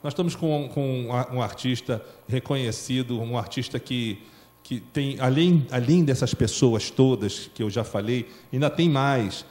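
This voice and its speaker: A man's voice: medium pitch, moderate pace, a little mellow, echoey room, big-room sound. A man hosting a TV talk show, praising his guest with enthusiasm. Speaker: TV show host.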